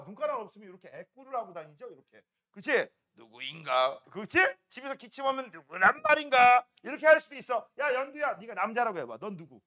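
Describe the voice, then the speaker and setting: A man's voice: very high-pitched, pushed and bright. A man teaching a science class, joking with students and checking with frequent questions. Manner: often asks "right?" to check understanding. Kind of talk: classroom lecture.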